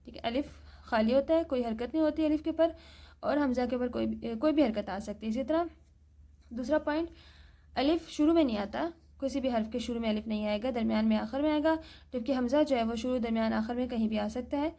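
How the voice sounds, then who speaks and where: A woman with a Pakistani Urdu accent teaching Quran reading, patiently repeating each point and slowly sounding out example words. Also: on the high side, dark tone. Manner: patient, repeats points and asks "theek hai?". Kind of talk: recorded tajweed lesson.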